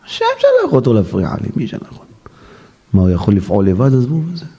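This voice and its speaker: A man's voice: mid-range voice, huge pitch swings, warm tone, breathy edge. A man, a rabbi, giving a dramatic sermon and acting out the figures he quotes.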